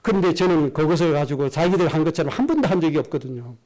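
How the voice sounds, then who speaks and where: A man's voice: fairly high pitch, animated, quick pace, darkish tone. A middle-aged man, preaching a sermon as pastor and telling a personal story in an earnest way. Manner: earnest storytelling, acts out quoted speech.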